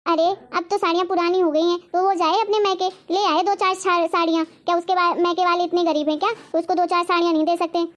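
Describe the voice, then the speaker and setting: A woman's voice: very high-pitched, flat delivery, quick pace, few pauses. A woman voicing a domineering, nagging adult sister-in-law in a cartoon, talking in a harsh, sarcastic, scolding way. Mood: complaining. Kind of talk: animated cartoon voice acting.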